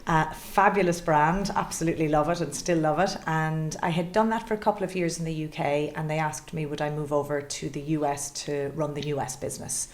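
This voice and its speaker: A woman's voice: low voice, fairly even intonation, a little fast, hardly any pauses. A woman in her late forties with a west of Ireland accent, telling her career story conversationally as an interview guest. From Galway, west of Ireland. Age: late 40s. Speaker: interview guest, chief executive.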